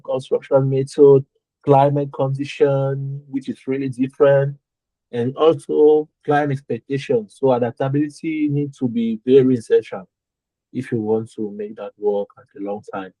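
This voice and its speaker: A young architect from Cameroon, a native French speaker, answers interview questions in English with a French-speaking Cameroonian accent. His mellow, mid-range voice comes through a dry, low-quality recording as he speaks carefully, searching for words and repeating phrases.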